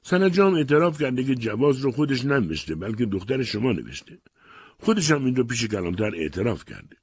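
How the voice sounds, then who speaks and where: A man with a husky voice voicing a stern, unyielding male plantation master in an audiobook reading. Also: mid-range voice, big pitch swings, dry recording, pitched above the performer's own voice. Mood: accusing. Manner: firm, commanding, unyielding.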